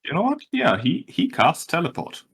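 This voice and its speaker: A man's voice: a little high, huge pitch swings, normal speed, a bit bright, breathy edge. A man running a tabletop game, narrating and giving rulings casually as game master.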